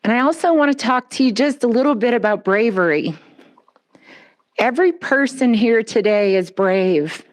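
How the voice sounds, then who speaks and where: A woman giving a heartfelt address at a pet memorial ceremony, speaking in a gentle, consoling way with soft pauses. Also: on the high side, animated.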